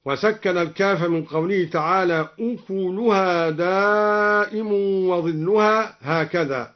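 High-voiced man teaching recitation slowly. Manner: measured, alternates explanation with slow recited verses. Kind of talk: explaining recitation variants with recited examples. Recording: dull lo-fi recording.

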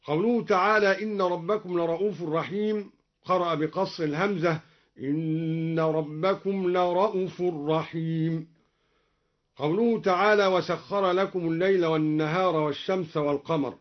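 A man explaining variant readings of the Quran, alternating plain explanation with slow melodic recitation. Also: high-pitched, lo-fi sound.

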